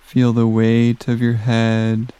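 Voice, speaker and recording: A man leads a guided sleep meditation, speaking very slowly with long, soothing pauses. His voice is warm and mellow, smooth and resonant, in a flat, even tone. The recording is dry and close. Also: medium pitch, no echo.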